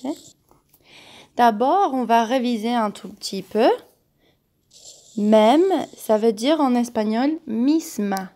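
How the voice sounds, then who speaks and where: A woman teacher giving a slow, patient homework lesson to young children, repeating each word several times. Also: fairly high pitch, warm tone. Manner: patient, repeats words and syllables, claps.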